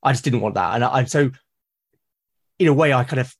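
A fairly quick, medium-pitched male voice with a breathy edge belongs to a British artist and podcaster appearing as an interview guest. He speaks casually and hesitantly in conversation, repeating words as he gets sentences going.

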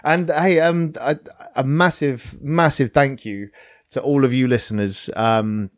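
A man's voice: mid-range voice, fairly even intonation, a little slow, dry recording. Self-deprecating man voice actor, dry mic. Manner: self-deprecating, stammering restarts. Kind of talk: casual podcast chat.

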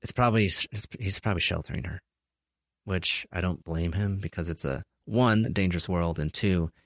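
A man's voice: sits low, moderate pace, no room sound, clean studio sound. A man co-hosting a podcast in casual chat, joking and laughing often. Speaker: podcast co-host.

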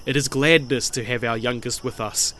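A man voicing a gentle, protective older mother speaking softly in a storybook retelling. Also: medium pitch, steady tone, moderate pace, a little hiss or hum, lightly acted. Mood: tender.

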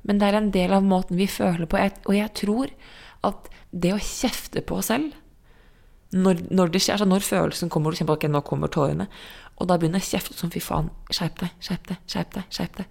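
A woman's voice: fairly low pitch, fairly even intonation, creaky, a little mellow. A woman co-hosting a podcast, speaking in an earnest, reflective way in casual conversation. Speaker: podcast co-host.

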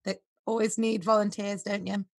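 A woman's voice: mid-range voice, level tone, normal speed, no room sound, clean studio sound. A woman with a British accent, chatting casually and informally. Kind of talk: casual chat.

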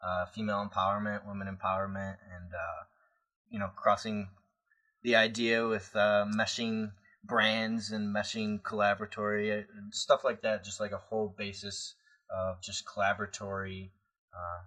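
A man's voice: on the low side, level tone, normal speed, sharp tone. A man from northern Illinois, the producer of the project, talking in a rambling way with lots of fillers in a casual interview.

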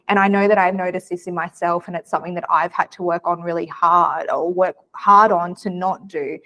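Woman host, lowish pitch, enthusiastic. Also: fairly bright tone. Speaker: podcast host. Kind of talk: casual interview.

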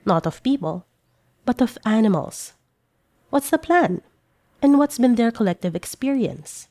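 Mellow woman narrating news. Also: on the high side, animated, a little slow. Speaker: podcast writer and producer, narrator.

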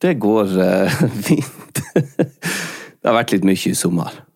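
A man from Norway co-hosting a podcast, telling a long confessional story in a halting, rambling way with lots of restarts. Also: on the low side, big pitch swings, gravelly, a little mellow. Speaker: podcast co-host. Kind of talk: casual confessional chat.

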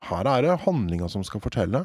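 A man, a theatre director reflecting on his work in an interview, animated and full of hesitations. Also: on the low side, dry recording, clean studio sound. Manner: animated, hesitant with many fillers.

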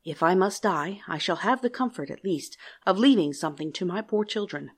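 A humble old merchant father, read by a woman, polite and easily frightened. He speaks in a plain, low-pitched voice with pleading courtesy. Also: animated, a little fast, breathy edge. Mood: sorrowful.

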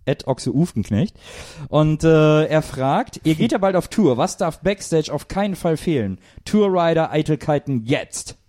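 A man's voice: on the high side, expressive, a little slow, few pauses, a little mellow. A man co-hosting a casual comedy podcast, chatting with friends and reading out listener questions. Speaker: podcast co-host. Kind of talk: casual chat.

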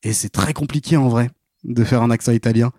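In a casual interview, a man in his twenties recounts stories hesitantly, with many fillers and restarts, as a podcast guest. His mid-range voice is mellow and steady, his pace brisk, and the clean studio recording has no room sound.

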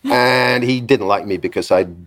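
A man, a recording engineer, telling lively studio stories in an interview, acting out quotes and laughing often. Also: medium pitch, normal speed, a crowd in the background. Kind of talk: anecdotal interview chat.

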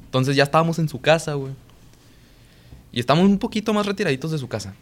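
A man's voice: a little high, animated, quick pace. A young man with a Mexican Spanish accent, casually telling a long, profane story on a podcast and acting out the lines of the people in it. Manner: slangy, profane, rambling, quotes himself and others. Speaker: podcast co-host.

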